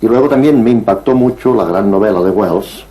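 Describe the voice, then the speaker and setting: A man in his sixties from Barcelona, speaking as an interview guest in a measured, digressive way with frequent hesitations. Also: fairly low pitch, warm tone, rough recording. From Barcelona, Spain. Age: 60s. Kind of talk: reflective interview conversation.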